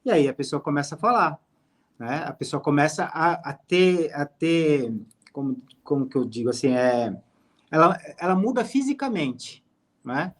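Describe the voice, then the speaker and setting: A man, a hypnotherapist guest calmly explaining his work in an interview. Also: a little high, moderate pace. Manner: calm, explanatory storytelling. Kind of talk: interview conversation.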